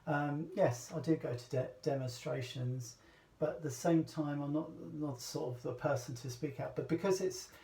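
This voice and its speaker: A man's voice: fairly high pitch, steady tone, normal speed, gravelly, dark tone. A man from Britain giving a casual, rambling talk, full of hesitations and restarts. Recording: echoey room, voice from a distance.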